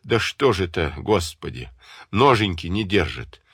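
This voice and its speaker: A man's voice: deep voice, big pitch swings, measured pace, fairly bright tone, breathy edge, dry recording, clean studio sound, exaggerated voice. A man voicing a frightened, complaining old mother who groans and wails. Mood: wailing. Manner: groaning, wailing.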